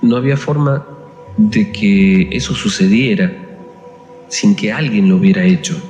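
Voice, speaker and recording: A man narrating a ghost story in slow, deliberate phrases. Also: on the low side, darkish tone. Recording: echoey room with long reverb and faint music.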